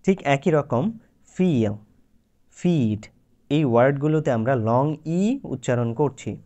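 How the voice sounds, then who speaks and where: A man's voice: medium pitch, a little fast, dark tone, lo-fi sound. A man teaching English pronunciation in a YouTube lesson, explaining patiently and drawing out his example words.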